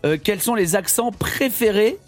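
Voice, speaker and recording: A man's voice: high voice, lively intonation, normal speed, soft background music. A man with a Southern French accent hosting a radio show, playful and teasing as he runs a quiz. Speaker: radio host. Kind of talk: morning radio banter.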